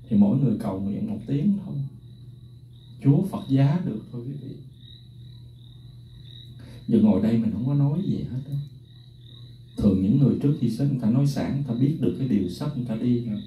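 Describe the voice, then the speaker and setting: A middle-aged man speaks earnestly and emotionally to his viewers, his voice very dark and mellow. He sits some distance from the mic in an echoey room with faint background noise. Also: mid-range voice, fast talker, pauses often. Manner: earnest, emotional storytelling, addressing viewers directly. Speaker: music teacher sharing personal stories. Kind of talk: emotional personal talk to viewers.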